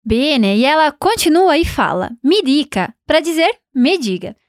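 A woman teaching a recorded language lesson. She encourages the learner and slowly models pronunciation for them to repeat. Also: high voice, big pitch swings, no echo, clean studio sound.

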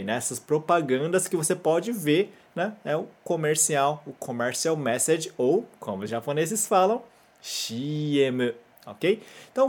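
A woman's voice: deep voice, a little mellow. A Brazilian woman teaching a Japanese lesson, patient and encouraging, who keeps checking in with "né?" and leads repeat-after-me drills. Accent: Brazilian Portuguese.

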